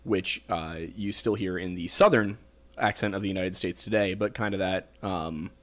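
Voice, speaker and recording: A man's voice: sits low, steady tone, normal speed, a bit bright. A man with a Pennsylvania accent hosting a casual podcast, rambling and joking as he explains folklore with plenty of fillers. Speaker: podcast host.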